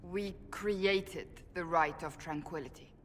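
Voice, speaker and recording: In a reverberant hall with faint ambient noise, a woman with a lowish, fairly bright voice speaks slowly as a stern, earnest warrior of a holy order in a fantasy game. Her delivery is formal, intense and grave, a piece of dramatic game acting.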